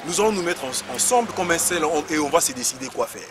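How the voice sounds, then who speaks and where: A man's voice: fairly high pitch, big pitch swings, fast talker. A man from Congo, a community leader, speaking with passion in a street interview in front of an embassy, often repeating words as he gets worked up. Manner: impassioned, repeats words when stirred. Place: outdoors on a city street. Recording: street noise and traffic behind.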